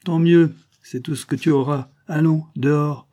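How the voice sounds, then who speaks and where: A man voicing a defiant old male woodsman in an audiobook, speaking loudly and indignantly with a husky voice. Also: medium pitch, normal speed, lightly acted. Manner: loud, indignant, rising to shouts.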